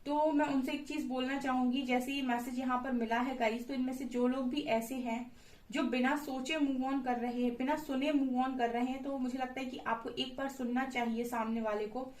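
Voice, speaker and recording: Female tarot reader, fairly high voice, casual and soothing, distant echoey room sound. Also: normal speed. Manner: calm, reassuring, repeats "guys" and "okay" often. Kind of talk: casual tarot reading to camera. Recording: echoey room from far off the mic.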